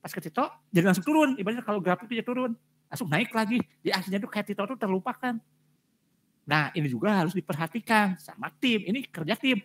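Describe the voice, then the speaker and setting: Male lecturer, brisk delivery, blunt classroom feedback with repeated emphasis. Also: high-pitched, lively intonation, fairly bright tone. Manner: direct, repetitive emphasis with frequent fillers. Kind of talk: giving feedback on student presentations.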